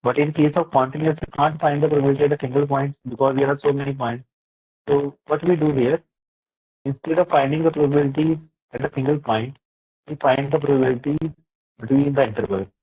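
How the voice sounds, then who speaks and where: Husky man teaching an online math class. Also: medium pitch, steady tone, a little fast. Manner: patient, explanatory, frequent fillers. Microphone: laptop or headset mic on a video call. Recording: muffled, lo-fi online call audio.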